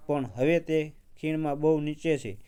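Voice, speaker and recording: A man voicing a lonely, scheming young woman on a mountain, speaking softly and coaxingly in his own mellow, resonant voice. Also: a little high, a little slow, clean tone, natural voice.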